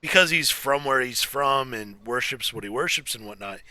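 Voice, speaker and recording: A man's voice: mid-range voice, lively intonation, normal speed, bright, forceful tone, no room sound. A man chatting casually about tabletop games, explaining lore and his old character. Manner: explains game lore knowingly. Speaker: tabletop player. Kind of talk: casual chat.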